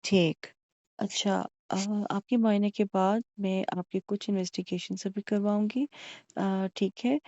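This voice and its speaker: A woman's voice: mid-range voice, fairly even intonation, a little slow, warm tone, dry recording, muffled recording. A woman playing a doctor in a mock consultation, asking methodical questions and narrating each examination step aloud. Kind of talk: mock clinical consultation, history taking.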